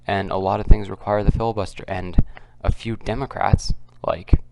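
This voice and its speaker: A man hosting a casual, unscripted commentary video, keeping his voice quiet and subdued and talking in a halting, repetitive way. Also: fairly low pitch, level tone, creaky, very noisy. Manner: kept quiet, subdued because others are nearby. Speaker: political commentary video host. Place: at home, others nearby.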